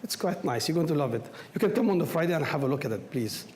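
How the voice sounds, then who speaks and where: A hoarse man, voice almost gone because of a cold, takes questions from the audience at an astronomy group's public talk, speaking English as a second language haltingly and repeating words and phrases. Fairly high and a little mellow, his voice is very animated. The room is indoors and echoey, with an audience and some background noise.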